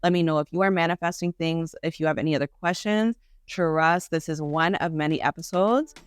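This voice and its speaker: A woman's voice: sits low, brisk, clear, resonant tone, no room sound, studio quality. A woman hosting a podcast, talking in an effusive, gushing way and addressing listeners directly as queens. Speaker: podcast host and small business owner. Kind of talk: casual motivational podcast monologue.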